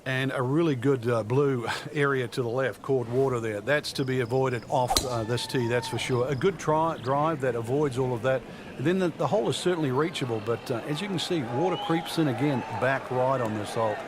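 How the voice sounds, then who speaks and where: A man's voice: mid-range voice, fairly quick, noisy background, natural voice. A man playing an easygoing golf analyst, giving conversational colour commentary with plenty of ums. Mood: advising, conversational. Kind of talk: conversational golf commentary for a video game broadcast. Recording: music behind voice. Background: music.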